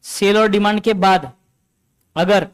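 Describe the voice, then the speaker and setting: A man's voice: high-pitched, fairly even intonation, slow, clean tone. A man teaching a classroom lecture, explaining step by step and often checking that students follow.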